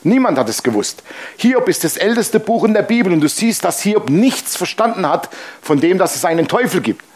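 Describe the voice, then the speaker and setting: Ein älterer Mann, der als Pastor lebhaft und humorvoll predigt und dabei Bibelverse vorliest. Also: male voice, high-pitched, normal speed, slightly rough. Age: older. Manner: lively, humorous preaching with Bible reading aloud. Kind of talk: sermon.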